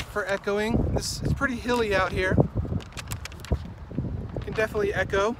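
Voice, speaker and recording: A man in his forties walking along a rural road, filming himself on a phone held at arm's length and chatting in a rambling, self-correcting way between passages he reads from a book. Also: high-pitched. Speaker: vlogger. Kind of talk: walking vlog with book reading. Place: outdoors on a rural roadside. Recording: loud wind noise on phone mic. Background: wind and passing vehicles.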